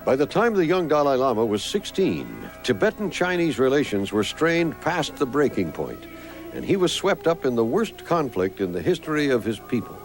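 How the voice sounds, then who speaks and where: A man's voice: mid-range voice, big pitch swings, moderate pace, poor audio. A man reading scripted documentary narration as the film's narrator. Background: music.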